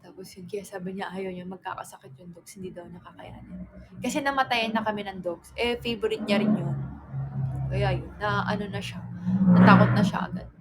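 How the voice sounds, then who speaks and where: A woman hosts a casual livestream, talking at an ordinary middle pitch. She rambles, restarts her sentences and stops to answer viewers' comments. Faint noise sits behind her voice. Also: fairly quick. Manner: chatty, rambling, full of fillers and self-corrections. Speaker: livestream host.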